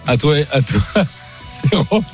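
A male radio host runs a quick football quiz for his panel, teasing and laughing with them. His voice sits a little high and leaps up and down in pitch. There is faint music underneath. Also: very animated. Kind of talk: lively radio sports chat.

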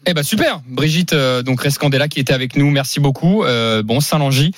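Brisk male radio host, dry studio. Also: mid-range voice, no room sound. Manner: brisk, steering the talk. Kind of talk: casual radio hosting.

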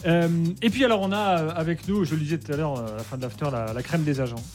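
A man's voice: on the high side, fast talker, faint music behind. A man hosting a live sports radio chat show, chatty with lots of fillers and frequent laughs. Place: studio on location.

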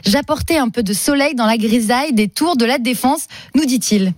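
A woman's voice: fairly high pitch, normal speed, dry recording, studio quality. A woman on a radio show, reading out listener messages and vote results in a chatty way.

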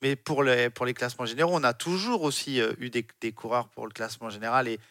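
A man's voice: medium pitch, fast talker, a bit bright, dry recording. A French man working as a cycling consultant, speaking with passion in a radio studio and often repeating words as he restarts. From France. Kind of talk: lively radio studio discussion.

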